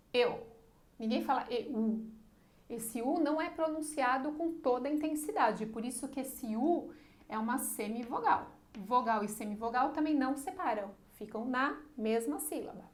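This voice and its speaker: A woman with a somewhat high voice teaches an online literature lesson. She explains each step patiently and keeps checking in with short questions to make sure her students are following.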